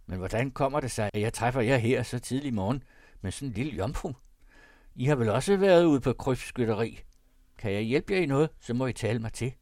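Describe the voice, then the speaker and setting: A man reading aloud and voicing a sly, rough poacher of the heath who talks in a wry, folksy way. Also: medium pitch, animated, darkish tone, no room sound, clean studio sound, voice pushed up, close to an everyday voice. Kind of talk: audiobook character voice.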